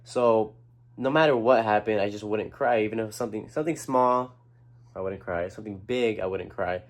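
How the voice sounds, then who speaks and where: On camera, a young man with a lowish voice shares his personal feelings at a moderate pace. The vlog is earnest and rambling, full of restarts and offhand swearing.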